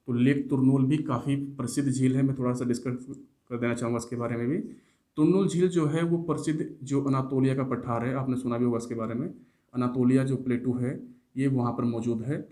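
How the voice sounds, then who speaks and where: Male geography teacher, mellow tone, patient step-by-step explainer who answers his own questions. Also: mid-range voice. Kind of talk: explanatory classroom lecture.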